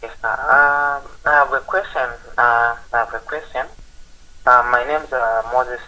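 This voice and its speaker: A man calling in over a clipped phone line, asking his question haltingly with many pauses and restarts. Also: mid-range voice, steady tone, over a noisy crowd. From Zambia. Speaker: caller. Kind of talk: call-in question on live television.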